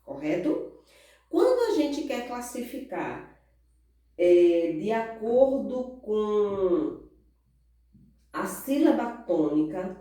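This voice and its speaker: Recorded from a distance in a very echoey room, a Brazilian teacher leads a remote class lesson. Her warm, mid-range voice moves slowly and patiently, stretching out key words. She poses questions to the children and then answers them herself, speaking as the pupils would.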